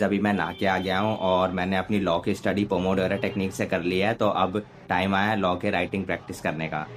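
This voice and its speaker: A young man narrating his study vlog casually, explaining each step in Hindi mixed with English words. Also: low-pitched. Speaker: student vlogger. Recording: voice-over with clear background music.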